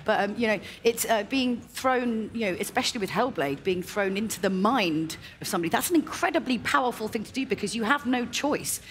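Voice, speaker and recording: Fast-talking woman moderating a panel. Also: a little high, lively intonation, fairly bright tone, a little hiss or hum. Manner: quick, chatty, many fillers. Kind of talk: live stage panel discussion. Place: large indoor event stage. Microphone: headset mic.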